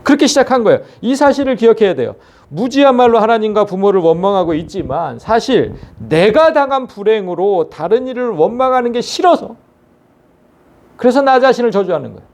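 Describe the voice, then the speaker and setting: A man preaching a sermon as pastor, earnest and animated, asking the congregation rhetorical questions. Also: sits high, a little fast.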